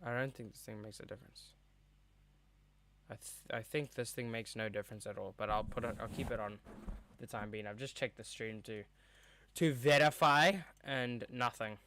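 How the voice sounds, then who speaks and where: A young man with a bright, crisp voice hosts a match watchalong stream, giving casual live commentary as the play unfolds. He rambles and chats at a moderate pace in a mid-range voice, using a streaming mic with a cover on top.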